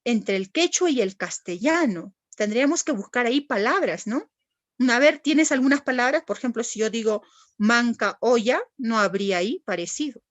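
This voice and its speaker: A woman's voice: on the high side, expressive, moderate pace, no echo, lo-fi sound. A woman teacher, giving a classroom lecture and patiently asking the class questions and answering them herself.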